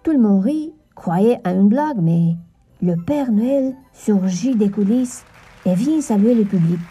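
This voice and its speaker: A woman narrating a children's Christmas story in a gentle storytelling manner. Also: medium pitch, lively intonation, a little slow, slightly rough, faint music behind.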